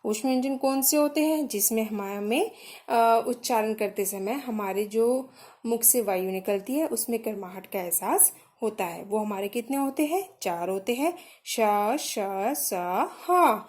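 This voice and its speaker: A woman's voice: on the high side, moderate pace, mellow. A young woman teaching a grammar lesson, patiently saying sounds one at a time for learners to copy.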